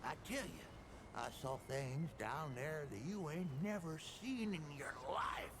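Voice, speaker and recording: Gravelly, folksy old grandpa storyteller. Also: male voice, on the high side, lively intonation, background noise. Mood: secretive, boastful. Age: older. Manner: grandpa voice, folksy rambling with dramatic pauses. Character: boastful, forgetful old storyteller man, folksy and crusty. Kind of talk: video game character dialogue, tall-tale storytelling.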